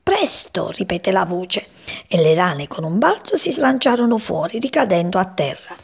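A woman reads a children's story aloud in an expressive, lively way, with pitch rising and falling. Her voice is gravelly and husky. She slips into voices for the characters. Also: normal speed.

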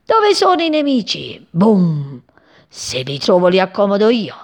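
A woman doing a furious rumbling storm cloud. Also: huge pitch swings, a little slow, exaggerated voice. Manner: rumbling threats. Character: huge furious male storm cloud, bullying.

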